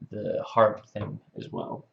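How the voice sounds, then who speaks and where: A man with a fairly low, gravelly voice speaks slowly with a completely flat delivery. New to the game, he quietly thinks aloud and asks about the rules in casual board game chat, unsure of himself. The reverberant recording is dull and lo-fi.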